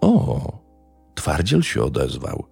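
Guy putting on a drunk local thug, young, crude and taunting, gravelly low voice. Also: huge pitch swings, takes it slowly, darkish tone, faint music behind, exaggerated voice.

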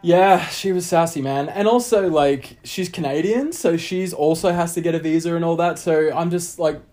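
A man's voice: fairly high pitch, moderate pace. A young adult man with an Australian accent, telling a long story in casual chat, rambling with many fillers and acting out other people's lines. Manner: rambling, animated storytelling with lots of fillers and acted-out quotes. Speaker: podcast guest.

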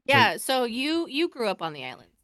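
Thoughtful young man, bright smooth voice. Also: extremely high pitch, sing-song, normal speed, no room sound, studio quality. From Oregon. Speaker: podcast co-host. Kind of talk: casual chat.

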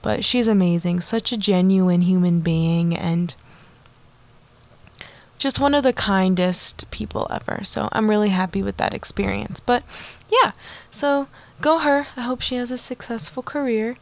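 Speaking at a measured pace with a medium-pitched voice, a young woman runs her own podcast. The solo chat is casual and bubbly, thick with "like" and remarks aimed at her listeners.

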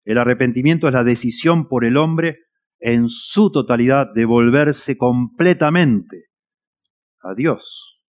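An earnest man with a Rioplatense accent preaches a sermon at a middling pitch. He presses his points hard, swelling loud and then falling almost to a murmur. The recording is dull and lo-fi. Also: slow. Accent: Rioplatense Spanish. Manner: earnest, emphatic, swells and drops in loudness.

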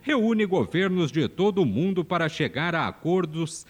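A man's voice: on the high side, very animated, moderate pace. A man presenting a farming programme in formal, scripted announcer narration.

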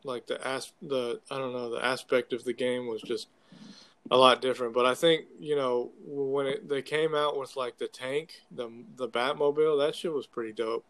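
A man's voice: mid-range voice, steady tone, moderate pace, a bit bright. A young man in casual conversation, talking like a frat bro with loose slang and plenty of swearing. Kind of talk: casual chat about video games.

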